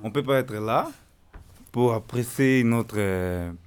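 A man's voice: mid-range voice, slow, clean tone. A man in a group discussion, earnestly arguing his point. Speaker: discussion participant.

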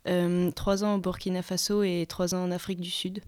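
Woman, interviewee, hesitant with fillers, monotone, smooth clear voice. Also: on the low side, moderate pace.

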